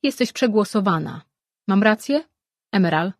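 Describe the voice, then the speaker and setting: A woman voicing a confident, decisive male sorcerer in an audiobook, reading in a husky voice. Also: medium pitch, lively intonation, normal speed, no echo, clean studio sound, voice pushed up, close to an everyday voice. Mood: steady. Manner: firm, decisive.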